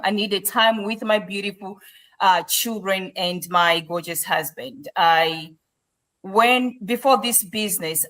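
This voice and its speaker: A woman's voice: mid-range voice, fairly bright tone. A woman from Malawi, a guest on an online show, telling her personal story earnestly with rhetorical questions. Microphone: video call.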